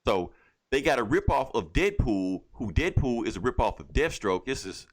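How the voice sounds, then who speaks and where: Very animated and at a moderate pace, this medium-pitched co-host retells a comic book on a podcast, rambling, slangy, irreverent and swearing freely.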